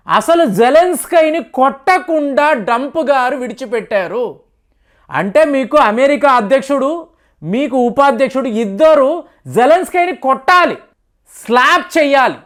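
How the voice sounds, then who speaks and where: A woman giving casual, animated news commentary who acts out what leaders said. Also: high-pitched.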